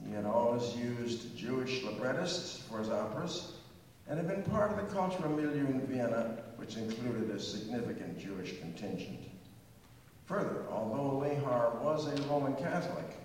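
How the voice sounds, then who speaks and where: An older man's medium-pitched voice is expressive and a little mellow, moving at a moderate pace. He's the pre-concert speaker, chatting digressively about music history with asides and a few sung snatches of tunes, recorded from afar in an echoey hall with slight background noise.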